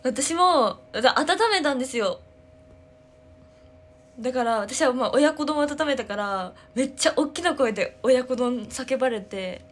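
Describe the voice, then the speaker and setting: A woman's voice: high-pitched, a little slow. Bubbly young woman with a lilt. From Ehime, Japan. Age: 20s. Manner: excitable storytelling with sound words and laughs. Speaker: idol livestreamer. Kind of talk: casual livestream chat answering comments.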